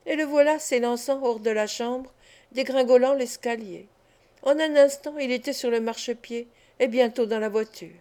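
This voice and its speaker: A woman reads a classic novel aloud as an audiobook, her delivery measured and expressive. Her pitch is fairly high.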